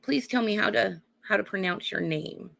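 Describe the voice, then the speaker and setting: A woman with a cold, her voice going hoarse, giving live psychic card readings and calling her viewers honey and darling while checking in with "okay?". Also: medium pitch, normal speed, fairly bright tone. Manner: calls viewers honey and darling, adds "okay?" tag questions.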